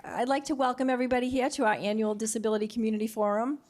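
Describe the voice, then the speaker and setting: A woman's voice: a little high, steady tone, rapid-fire, background noise. A woman hosting a community forum as a city official, delivering a welcome speech.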